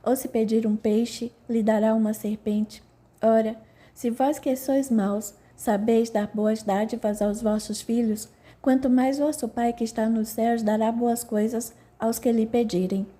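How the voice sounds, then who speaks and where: Woman reading serene male spirit mentor, gentle sermon manner, audiobook, very dark mellow tone, slightly high. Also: unhurried. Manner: calm, gentle sermon-like address. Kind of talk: audiobook narration.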